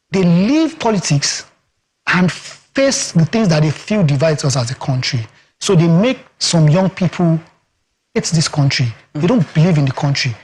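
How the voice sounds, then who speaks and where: Here a Nigerian communications expert with a Yoruba accent, guesting in a TV studio interview, speaks in a slightly high, slightly mellow voice against slight background noise. His style is emphatic and rhetorical, full of "guess what" and "you understand."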